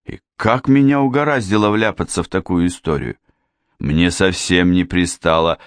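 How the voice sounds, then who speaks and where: A man's voice: sits low, normal speed, clean tone, dry recording, studio quality, close to an everyday voice. A man voicing a shaken, fussy middle-aged man in an audiobook, fretting and sighing. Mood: fretful. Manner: fretful, sighing.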